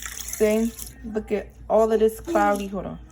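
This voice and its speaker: A woman's voice: medium pitch, fairly even intonation, a little slow, gravelly, darkish tone, slight background noise. A young adult woman chatting casually to viewers while cooking in her home kitchen, folksy and talkative. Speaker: cooking vlogger.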